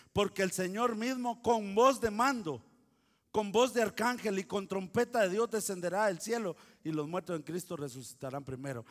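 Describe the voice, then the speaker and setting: A high-pitched pastor preaching a sermon at an unhurried pace, now booming, now dropping to hushed asides. His voice rings with a long hall reverb. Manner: preaching with sudden loud outbursts and hushed asides.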